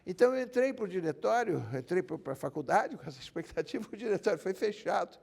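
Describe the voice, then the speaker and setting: An older lawyer from Rio de Janeiro, speaking Brazilian Portuguese with a Carioca accent, tells stories as an interview guest, rambling, repeating himself, and often tacking on "né?". His voice is high, expressive, quick, and a little mellow with vocal fry, and a long reverb tail trails it.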